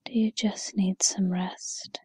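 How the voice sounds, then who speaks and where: Whispered role-play, woman acting as gentle fairy godmother, breathy whisper, slow, reassuring, very dry close sound. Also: medium pitch, flat delivery, no echo. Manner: soothing, encouraging, unhurried second-person address.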